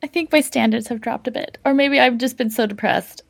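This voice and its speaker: A woman's voice: on the high side, a little fast, vocal fry. A woman co-hosting a podcast, giggly and playful in casual chat. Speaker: podcast co-host.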